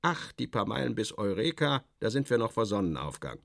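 A man voicing a calm, proud Canadian driver in an audiobook, speaking plainly and matter-of-factly. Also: fairly low pitch, fairly quick, vocal fry, no echo, clean studio sound, heavily acted.

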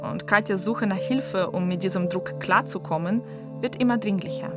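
Calm female documentary narrator. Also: mid-range voice, normal speed, loud music behind the voice.

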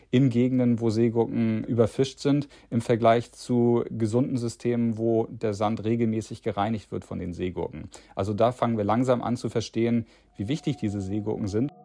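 A man's voice: on the low side, warm tone, dry recording, clean studio sound. A man speaking as an expert in an interview, explaining things spontaneously in everyday words. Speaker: reef ecologist interviewed as expert.

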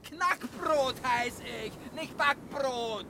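A shrill, flustered sailor shouting over wind. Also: very slow. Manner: loud, exclamatory, flustered. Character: Knackbrot, excitable, hard-of-hearing comic sailor navigating. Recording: loud wind and sea noise behind.

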